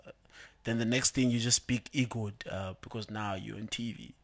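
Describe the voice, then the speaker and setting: A man's voice: lowish voice, steady tone, moderate pace, vocal fry. A man, a rapper talking casually about his songs in a podcast studio, often laughing and repeating words as he explains. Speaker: rapper guest. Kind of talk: casual interview chat.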